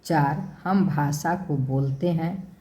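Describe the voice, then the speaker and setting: A woman teaching a worksheet lesson to young children, sounding out each word letter by letter. Her voice sits low and dark, and she moves at an unhurried, very slow pace. Her manner is patient and methodical. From India. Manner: slow, spells words sound by sound.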